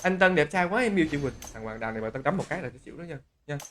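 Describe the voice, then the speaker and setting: A man doing live gameplay commentary, who exclaims loudly and greets and teases his chat viewers. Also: fairly high pitch, animated, very fast, a little hiss or hum. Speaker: game streamer. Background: game music.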